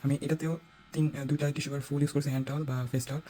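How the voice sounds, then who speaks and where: A man casually explaining a speaker mod step by step, checking in with his listeners and pausing to search for words. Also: on the high side, flat delivery, mellow, faint music behind, rough recording. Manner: talks step by step, checking in with "right?"; hesitant, with searching fillers while judging sound. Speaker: DIY tutorial host.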